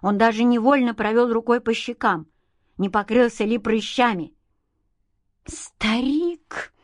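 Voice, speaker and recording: A woman reading a novel as an audiobook narrator, steady and expressive, recorded on a close studio mic. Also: a little high, moderate pace, dry recording.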